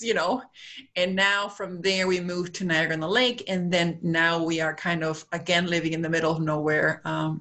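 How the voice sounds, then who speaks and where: A middle-aged woman from Peru talks as a podcast guest in a fairly low voice. She is chatty and relaxed, filling her sentences with fillers as she goes. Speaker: guest, centre co-owner. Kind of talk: casual interview talk.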